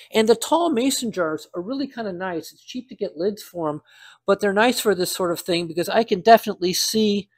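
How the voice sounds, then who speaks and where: An older man giving a casual hands-on demonstration, talking aloud in a folksy, dryly humorous way. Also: on the high side. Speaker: home cider maker demonstrating.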